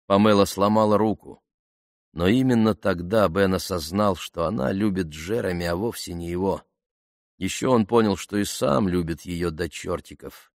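Male narrator, low voice, dry close-miked read, measured pacing. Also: no room sound. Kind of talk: scripted audiobook narration.

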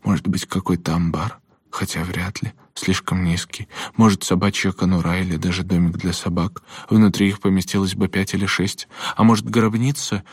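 A man's voice: deep voice, fairly even intonation, normal speed, slightly rough, no echo, clean studio sound. A man voicing a curious, daring young boy who eagerly pushes on. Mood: wondering.

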